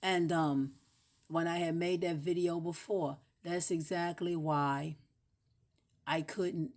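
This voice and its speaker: A woman talking in a casual, rambling monologue, repeating words over and over for emphasis and jumping between shouting and near-whispers. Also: on the low side, steady tone, takes it slowly. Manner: breaks into playful shouts and drops to a whisper.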